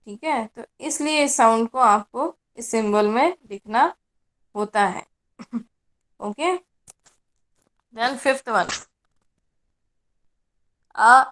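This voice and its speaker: A woman's voice: a little high, fairly bright tone. A woman teacher giving an online class lecture, patiently explaining and checking in with her students.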